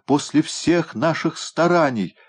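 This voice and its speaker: A soft-hearted, tipsy young woman in a storybook who bursts out emotionally, as a male reader puts her on. The voice is pushed far up from his own low register. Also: measured pace, slightly rough.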